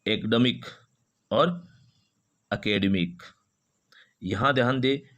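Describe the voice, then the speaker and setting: Male teacher, patient drilling of pronunciation, repeats each word. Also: mid-range voice. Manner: repeats each word slowly several times. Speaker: English teacher. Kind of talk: phonetics lesson.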